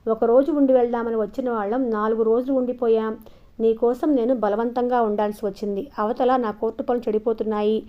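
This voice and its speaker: A woman storyteller voicing a practical young man, the hero's loyal friend, who speaks in a brisk, firm, matter-of-fact way in an audiobook reading. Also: fairly high pitch, steady tone, dull audio, close to an everyday voice.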